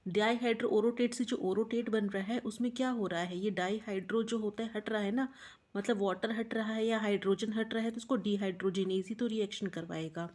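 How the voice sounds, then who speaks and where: A woman's voice: mid-range voice, fairly even intonation, fairly quick, a little mellow. A woman teaching biotechnology, walking students through a pathway and a memory trick step by step, often checking in with "okay". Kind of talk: exam-prep lecture with mnemonics.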